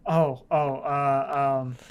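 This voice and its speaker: A young man co-hosting a casual film podcast, agreeable and quick to laugh. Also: mid-range voice, fairly even intonation, clean tone, highs cut off. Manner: agreeable, laughs often, frequent backchannel. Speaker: podcast co-host.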